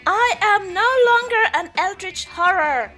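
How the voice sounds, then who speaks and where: Woman voicing a bright, high-pitched menacing eldritch cutie. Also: lively intonation, measured pace, gravelly, faint music behind, full character voice. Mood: indignant, menacing. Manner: grandiose, theatrical threats. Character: cute eldritch horror girl, menacing and grandiose. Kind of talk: reading visual novel game dialogue in character.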